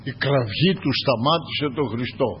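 An older man delivers a sermon to his congregation, rising to loud urging and then dropping to soft murmured praise. His voice sits at an ordinary middle pitch. The recording is dull and lo-fi. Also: slight background noise. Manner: swings from loud exhortation to murmured "glory to God" asides. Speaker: preacher.

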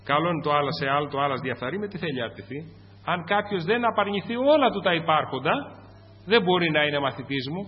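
A Greek man preaching a fervent sermon to his congregation, rising to loud peaks and dropping to low asides. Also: expressive, breathy edge. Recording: muffled, echoing church recording.

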